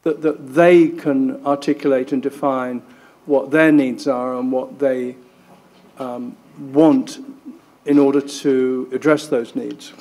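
A man's voice: mid-range voice, steady tone, slow pace, darkish tone. A man giving an academic conference talk, self-deprecating and full of ums and restarts. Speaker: conference speaker. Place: lecture room at a conference.

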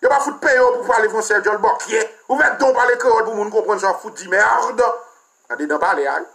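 Haitian male commentator, high-pitched, bright tone, scornful, crude, fired-up rant. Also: a little fast, vocal fry. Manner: mocking, crude, animated. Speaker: political commentator. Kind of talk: heated political rant.

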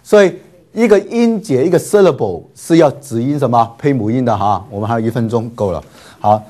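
The teacher's voice is mid-range and dark, with lively intonation. He runs slow, drawn-out syllable drills for students to repeat, tossing in frequent filler particles and playful asides.

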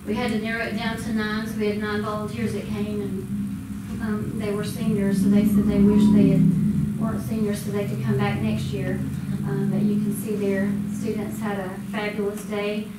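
A middle-aged woman with a medium-pitched, monotone voice speaks at normal speed with few pauses, giving the school board a chatty report peppered with ums. She's a school department presenter standing at a public meeting. The sound is distant, echoey, and noisy, recorded by a room mic.

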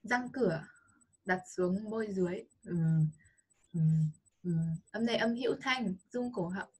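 A woman's voice: mid-range voice, unhurried, husky. A woman with a Vietnamese accent teaching English pronunciation to a child, patient and coaching, modelling sounds over and over. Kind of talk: online pronunciation lesson for a child.

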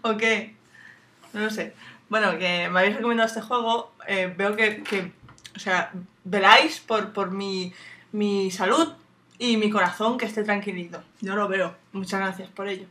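A woman's voice: mid-range voice, moderate pace, bright, forceful tone. A woman hosting a casual let's-play, joking along and shrieking when startled. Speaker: gaming channel host.

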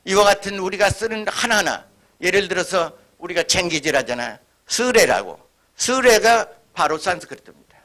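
A man's voice: high voice, expressive, a little fast, pushed and bright. A man giving a history lecture at a forum, speaking emphatically and imitating regional dialect phrases as examples.

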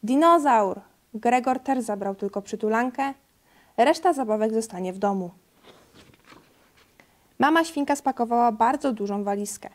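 Woman reading a kids' storybook aloud, fairly high voice, steady pace. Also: moderate pace, pauses often. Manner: steady, clear reading with occasional slips. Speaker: storybook reader. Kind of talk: reading a children's book aloud.

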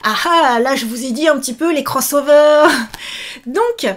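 Talking casually to the camera from a small indoor filming space, an enthusiastic author and YouTuber with a high voice promotes her book. She stays animated and exclamatory while keeping a measured pace.

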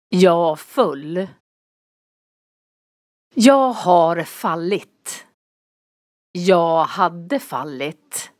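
A woman with a somewhat low voice gives a vocabulary lesson, saying each word form slowly and distinctly so learners can follow. Her voice is recorded close up in a dry room with no echo. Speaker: language teacher. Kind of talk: slow, clearly articulated vocabulary lesson.

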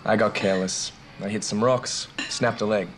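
A man's voice: lowish voice, fairly even intonation, moderate pace, faint music behind, lightly acted. A man playing a blunt surf coach. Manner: blunt, easygoing coaching talk. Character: laid-back former pro surfer, male coach. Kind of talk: TV teen drama acting. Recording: outdoor noise with surf.

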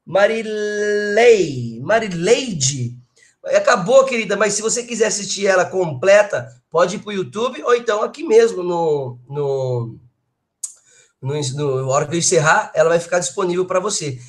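A man's voice: sits high, expressive, moderate pace. A Brazilian man with a Brazilian Portuguese accent, an English teacher chatting casually on a live stream, emphatic and full of tag questions to his viewers.

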